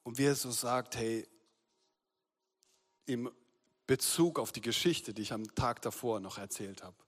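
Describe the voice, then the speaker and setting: A man preaching a sermon as a pastor, earnest and personal, dropping to a hushed voice for confessions and rising again for appeals. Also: medium pitch, a little slow. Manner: earnest, shifts between loud appeals and soft hushed confession. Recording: long hall reverb.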